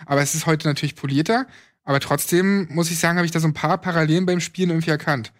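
Male co-host of a casual gaming chat, animated, rambling, slightly high voice. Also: rapid-fire. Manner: animated, rambling, many fillers. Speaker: podcast co-host.

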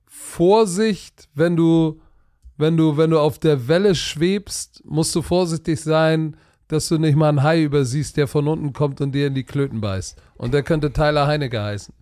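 A tired man talking football picks in a casual podcast chat, animated and full of vivid trash talk. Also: on the high side, normal speed, dry recording, studio quality. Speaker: podcast co-host.

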